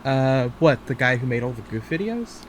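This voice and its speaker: A man co-hosting a chatty podcast, rambling through his points with plenty of fillers and restarts and the odd swear. His voice sits at an ordinary middle pitch, with a faint hiss of noise behind it. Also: very animated, normal speed. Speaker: podcast co-host. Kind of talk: casual chat.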